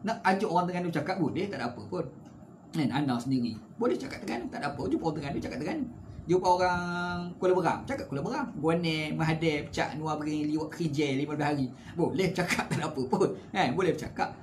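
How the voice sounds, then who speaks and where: Fast-talking Malaysian man teaching scripture. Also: slight background noise. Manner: conversational, with rhetorical tag questions; animated swings in pitch and loudness. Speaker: religious teacher. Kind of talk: Quran commentary lecture.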